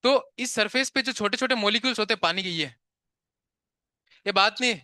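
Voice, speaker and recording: Recorded at studio quality with no echo, a high-pitched male physics teacher speaks in a bright, forceful tone to a live class. He's talkative, swift to order students to stop chatting and focus, asks himself questions and supplies the answers, and mixes English words into his Hindi.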